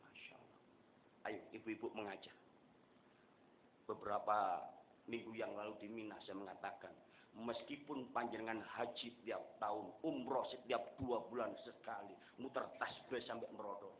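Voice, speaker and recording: A man with a Javanese accent preaching an Islamic sermon to a congregation, swinging from hushed murmurs to loud, emphatic exclamations. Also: steady tone, moderate pace. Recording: narrow phone-like sound with faint rumble.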